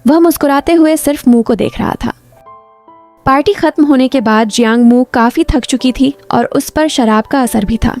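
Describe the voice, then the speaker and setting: A woman narrating a drama recap in a smooth, even storytelling delivery. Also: high voice, moderate pace, faint music behind.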